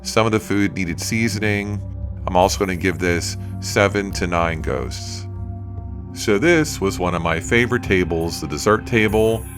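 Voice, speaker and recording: A man's voice: sits low, moderate pace. A man narrating a food review vlog as a voice-over in a plain-spoken, itemizing way. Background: music.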